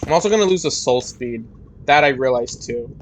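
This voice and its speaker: Young guy rambling over his game, mid pitch, kinda self-mocking, faint hiss behind. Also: expressive, fairly quick, rough recording. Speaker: gaming YouTuber. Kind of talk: casual gameplay commentary.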